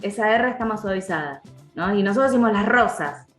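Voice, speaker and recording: A woman's voice: mid-range voice, expressive, fast, reverberant, soft background music. A woman with an Argentine accent, a voice-over and dubbing artist, explaining pronunciation patiently in a podcast interview and repeating words to show the sounds. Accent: Argentine Spanish.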